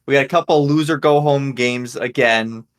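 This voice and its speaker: A man's voice: mid-range voice, moderate pace, smooth. A man hosting a casual sports podcast, leading the talk and lining up topics and questions for his co-hosts. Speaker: podcast host.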